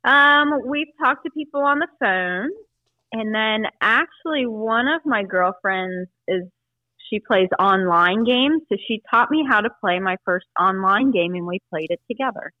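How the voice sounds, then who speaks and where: A woman in her fifties, chatty and quick to laugh, answering questions in a casual family interview at home. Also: mid-range voice, no echo, lo-fi sound. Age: 50s. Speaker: interviewee, aunt.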